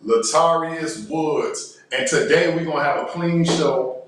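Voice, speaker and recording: A man's voice: on the high side, measured pace. Talk-show host, male, easygoing joker, recorded from a distance in a very echoey room. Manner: laid-back, joking, fills with "man" and "you know". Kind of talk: casual talk-show banter.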